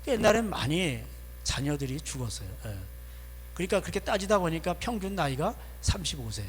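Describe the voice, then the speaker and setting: Korean pastor preaching in a reverberant church. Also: male voice, fairly high pitch, very animated, fairly quick, slight background noise. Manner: conversational preaching, frequent affirming "yes" asides and rhetorical questions. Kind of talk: sermon. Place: church sanctuary.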